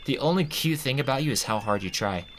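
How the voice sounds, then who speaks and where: A man reading the lines of a reserved but cutting teenage girl from a game, in a measured, cold way. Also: mid-range voice, animated, a little hiss or hum, voice pushed up, lightly acted.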